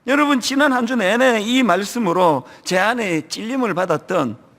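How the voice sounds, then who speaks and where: A middle-aged man from the region preaching a sermon, lively and acting out church members in quoted asides. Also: high voice, moderate pace. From Gyeongsang region, Korea. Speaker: pastor. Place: large church sanctuary. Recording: long hall reverb.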